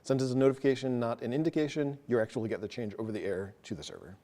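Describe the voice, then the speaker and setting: Guy giving a live coding talk to a room, mellow voice, rushes along, jokes at himself. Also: medium pitch. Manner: fast, casual, self-deprecating. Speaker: meetup presenter. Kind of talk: live technical talk with audience questions. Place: meeting room with an audience.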